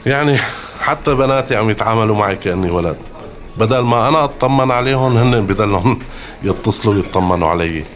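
A man's voice: on the low side, lively intonation, quick pace, natural voice. A middle-aged man with a Levantine Arabic accent playing a weary displaced father and former lawyer, hesitant and apologetic.

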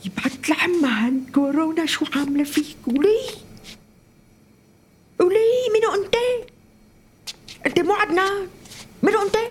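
A woman's voice: very high-pitched, moderate pace, pauses often. A woman with a Syrian accent playing a lonely, talkative elderly mother in a drama. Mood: alarmed. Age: older. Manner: talkative, tender, emotional. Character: lonely elderly mother, warm, chatty, wistful. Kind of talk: scripted drama acting.

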